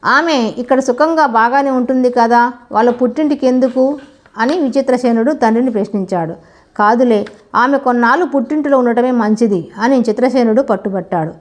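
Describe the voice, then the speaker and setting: A woman narrating a scripted folk tale in a steady, measured storybook reading. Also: on the high side.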